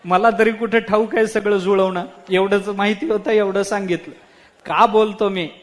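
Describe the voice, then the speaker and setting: Male preacher, storytelling sermon, very high-pitched, animated, dramatic pauses.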